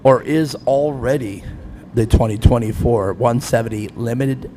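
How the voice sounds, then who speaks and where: A man's voice: mid-range voice, measured pace, dark tone, slight background noise. A man in his fifties announcing an off-road race live from the grandstand, chatty and self-deprecating with frequent laughs. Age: 50s. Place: grandstand at an outdoor race track.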